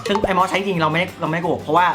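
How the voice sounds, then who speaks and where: A man's voice: high-pitched, steady tone, very fast, music in the background. A man hosting a casual word game among friends, joking and dropping in sponsor plugs. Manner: playful, reads out sponsor plugs.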